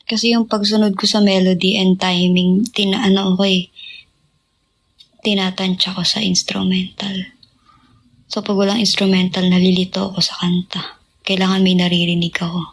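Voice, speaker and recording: A young woman singer chatting casually with fans on a livestream, drifting between talk, sung snippets and soft whispers. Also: medium pitch, flat delivery, normal speed.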